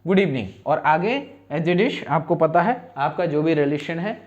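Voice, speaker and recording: A man's voice: fairly high pitch, lively intonation, unhurried, dull audio. A male teacher giving a spoken-English lesson, asking questions and answering them himself in repeat-after-me drills.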